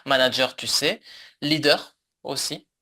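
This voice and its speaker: A man's voice: mid-range voice, slow pace, bright, forceful tone. A man teaching a French lesson over a video call, explaining patiently with many fillers and repeats. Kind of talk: online language lesson.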